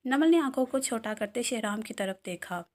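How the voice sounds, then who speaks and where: A woman's voice: fairly high pitch, lively intonation, moderate pace, darkish tone. A woman reading a romance novel aloud as its narrator. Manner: storytelling narration.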